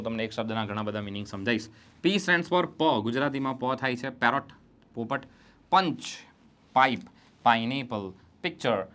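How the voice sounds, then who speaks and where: A man teaching an English grammar lesson, repeating words slowly and explaining step by step to students. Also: mid-range voice, fairly bright tone. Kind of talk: classroom-style grammar lesson.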